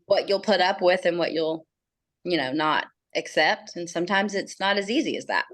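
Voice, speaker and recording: Woman guest, lower register, earnest and reflective, chatty fillers. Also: normal speed, fairly bright tone. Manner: earnest, reflective, many "you know" fillers. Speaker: podcast guest. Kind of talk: casual heartfelt chat.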